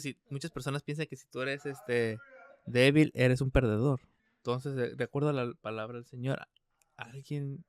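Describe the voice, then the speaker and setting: A man's voice: medium pitch, clean tone. An older man preaching a translated sermon in an emphatic way, with frequent restarts and fillers. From United States.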